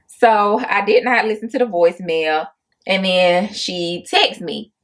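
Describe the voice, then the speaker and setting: A woman's voice: medium pitch, measured pace. A young woman, chatting casually to her viewers about a difficult client while she does her makeup, often exasperated. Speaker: makeup artist and vlogger.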